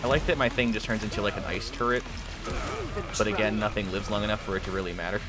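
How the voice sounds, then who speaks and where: A man's voice: on the low side, steady tone, quick pace. A man streaming a video game, chatting casually and thinking aloud about his build and his settings, often swearing. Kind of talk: casual gameplay chat. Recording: game music playing under the voice.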